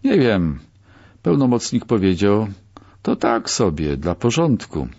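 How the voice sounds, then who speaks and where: A talkative prisoner mutters his excuses in a low, plain voice, as a male narrator plays him. He sounds apologetic and simple. The recording is dull and lo-fi. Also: big pitch swings, slow pace, a little mellow, full character voice. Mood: sheepish.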